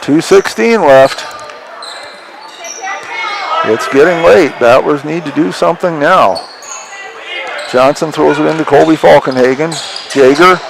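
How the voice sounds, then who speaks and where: Male basketball announcer, clipped play-by-play, slightly high gravelly voice, noisy live gym. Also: unhurried, pauses often. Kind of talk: live sports commentary. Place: indoor gym during a game. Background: bouncing basketball, gym ambience.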